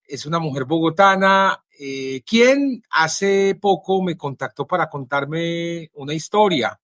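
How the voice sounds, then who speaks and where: A male journalist with a Colombian Spanish accent, introducing his guest and asking questions in a measured, earnest way with frequent pauses. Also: on the high side, expressive, a bit bright, no room sound, studio quality. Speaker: journalist and interviewer.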